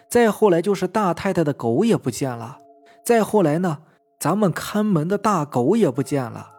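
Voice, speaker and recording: A man voicing a nervous, loyal household steward who speaks haltingly and hesitantly. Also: on the high side, a little mellow, slightly rough. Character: nervous loyal middle-aged male steward.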